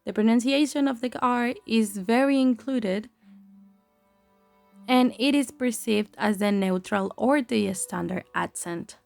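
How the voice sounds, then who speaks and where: A woman's voice: on the high side, a little slow, creaky, darkish tone, faint music behind. A woman gives a classroom presentation on phonology, explaining with frequent ums and restarts.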